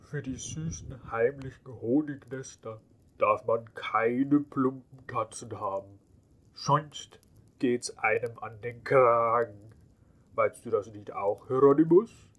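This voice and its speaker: A man voicing a grumpy, portly older male bear in a storybook reading, speaking slowly and softly. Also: medium pitch, slightly rough. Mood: spiteful.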